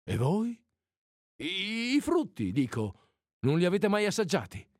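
A man's voice: high-pitched, huge pitch swings, measured pace, no room sound, studio quality, pitched above the performer's own voice, exaggerated voice. Guy playing an old country priest, worked up and pleading, voice jumping all over. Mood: agitated. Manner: pleading, rising to anger. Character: agitated elderly male village priest.

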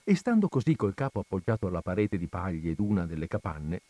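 A man hosting a radio reading, narrating a classic novel in a theatrical, lively storytelling manner. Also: low-pitched, a little fast, dry recording. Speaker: radio reader and host.

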